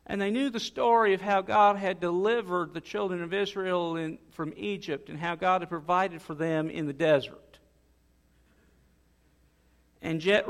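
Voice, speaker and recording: A male pastor preaches in a relaxed, conversational way, pausing on fillers and restarting his sentences. His voice sits rather high and has a gravelly fry. Long reverb trails behind him, as in a large hall. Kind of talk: sermon.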